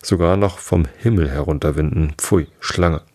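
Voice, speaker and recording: Deep husky guy reading a grumpy storybook pigeon, nagging and contemptuous. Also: moderate pace, a little mellow, dry recording. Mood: scolding. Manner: scolding, complaining, contemptuous. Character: shrill, suspicious female pigeon guarding her eggs. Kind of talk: audiobook reading of a classic tale.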